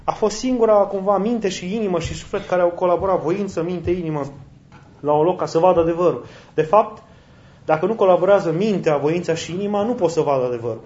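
A man delivers a sermon in a loose, conversational way. He asks his listeners rhetorical questions and acts out short quoted lines. His voice sits a little high, and the recording is dull and lo-fi. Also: a little mellow. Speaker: preacher.

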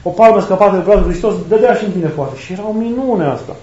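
A man's voice: high voice, expressive, dark tone. A man preaching a sermon with passion, firing off rhetorical questions and acting out the words of others. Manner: impassioned, rhetorical questions, acts out quoted speech. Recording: echoey, dull lo-fi room recording.

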